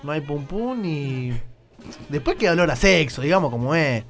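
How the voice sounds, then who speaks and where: A man with a Rioplatense accent banters as a radio comedy co-host, dropping crude wisecracks. His voice sits slightly high. Faint music plays in the background. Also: lively intonation, normal speed, a bit bright. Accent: Rioplatense Spanish. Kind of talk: casual banter.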